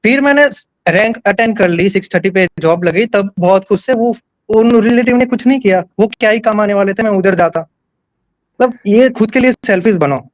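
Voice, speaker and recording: A man's voice: high-pitched, a little fast, no room sound, rough recording. A young man from Gujarat, a nurse and exam topper, telling his story candidly and plainly, with many restarts. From Gujarat, India. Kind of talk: casual interview.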